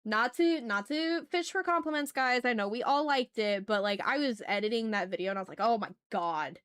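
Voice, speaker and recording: Hosting a casual art livestream, a woman thinks aloud while drawing and chats with viewers in slangy, effusive, informal language. Her voice sits on the high side, moves a little fast, and sounds a bit bright, clear, and resonant.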